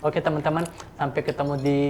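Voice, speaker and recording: A man's voice: on the high side, little pitch movement, fast talker, noisy background. A man in his twenties, a foreigner speaking Indonesian as a second language with a foreign accent, chatting casually and politely as a vlog host. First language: not Indonesian, still learning it. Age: 20s.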